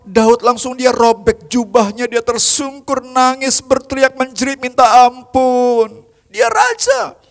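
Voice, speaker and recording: A man preaching a youth service sermon in a church, telling Bible stories in an animated way that swings from loud to very soft, with English phrases mixed in. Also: high voice.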